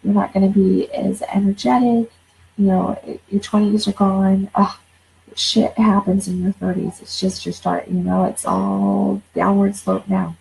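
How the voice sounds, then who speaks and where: Blunt, gravelly-voiced woman coach in her forties. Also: medium pitch, level tone, a little slow, darkish tone, rough recording. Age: 40s. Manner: blunt, swears, repeats words when fired up. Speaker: life coach. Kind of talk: casual livestream talk.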